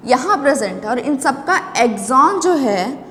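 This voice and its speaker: A woman with a high voice teaches a biology class at a slow, deliberate pace, stretching out technical words and asking questions back at her students. Her voice carries a long reverb, as if in a large hall. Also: sing-song, a bit bright, slight background noise. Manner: explains step by step, repeats key terms and asks the class questions; drawn-out emphasis on technical words, then bursts of quick speech. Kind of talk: classroom lecture mixing Hindi and English.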